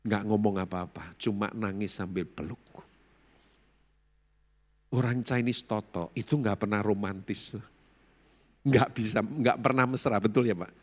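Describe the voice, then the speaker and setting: A man's voice: fairly low pitch, measured pace, long pauses. A man preaching a sermon, telling a story dramatically and acting out the people in it while calling on the congregation. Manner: dramatic, voices quoted characters, addresses congregation as saudara. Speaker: pastor. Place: large church hall. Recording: long reverb of a church hall.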